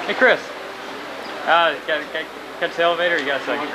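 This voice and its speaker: A man's voice: on the high side, fairly even intonation. A man filming with a camcorder, casually greeting and thanking people in a busy lobby, heard on old VHS tape. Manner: eager, quick friendly thank-yous. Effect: old VHS camcorder tape sound. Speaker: fan filming wrestlers with a camcorder. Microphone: built-in camcorder mic, speaking from behind the camera. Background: crowd chatter and background noise.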